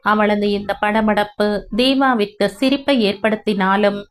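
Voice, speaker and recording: A woman narrating a family novel as an audiobook reader, with steady storytelling. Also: medium pitch.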